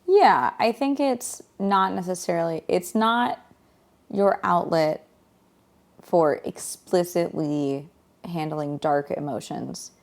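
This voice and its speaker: Woman with a gravelly voice, casual chat. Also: fairly low pitch, slow. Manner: chatty, corrects and prompts partner. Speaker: co-host.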